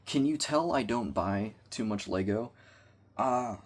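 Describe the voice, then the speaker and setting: This young man's lowish voice is animated yet measured in pace. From his bedroom with bookshelves he reviews a toy in a casual, rambling vlog, awkward and slangy and joking at his own expense.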